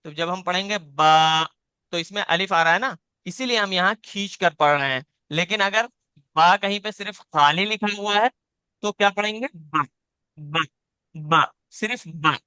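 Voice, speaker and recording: Bright, clear-voiced male Quran teacher. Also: sits high, moderate pace, dry recording. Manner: patient, repeats points, demonstrates each sound aloud. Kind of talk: live online class, teaching letter sounds. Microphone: video call.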